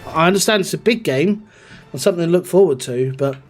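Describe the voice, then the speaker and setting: A man's voice: fairly high pitch, lively intonation, fast, soft background music. Chatty man streaming games. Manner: rambling, chatty, answers chat. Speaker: gaming streamer. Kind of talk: casual live stream chat.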